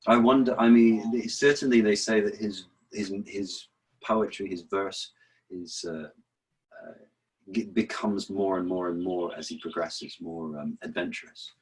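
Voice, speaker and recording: A man's voice: low voice, fairly even intonation, a little slow, slightly rough, rough recording. A man answering as an interview guest, explaining verse rhythm, often restarting and repeating words as he thinks. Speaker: interview guest, actor and author.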